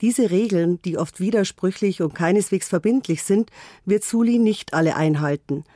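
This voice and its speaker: A woman narrating a scripted radio report in an even, formal manner. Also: mid-range voice, moderate pace, dry recording, studio quality.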